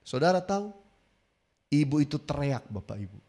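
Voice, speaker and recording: A male pastor preaching a sermon, telling a story dramatically and rising to near-shouts at its peaks. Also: on the high side, very animated, normal speed.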